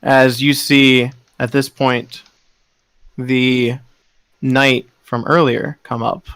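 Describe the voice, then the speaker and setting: A man narrating a tabletop game as game master, describing scenes slowly. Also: medium pitch, vocal fry, a bit bright, no echo.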